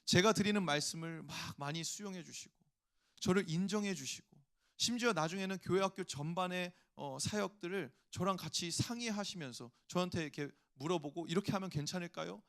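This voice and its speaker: High-voiced male pastor preaching. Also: fairly quick, fairly bright tone. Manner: storytelling, acts out inner voices, rises to emphatic appeals. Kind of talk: sermon.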